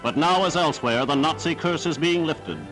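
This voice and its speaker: A man narrates a wartime 1940s newsreel in a fairly high voice, with prominent music behind him. His delivery is formal and declamatory, every sentence read from a script as a proclamation. The sound is that of a period film soundtrack. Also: fairly quick, fairly bright tone.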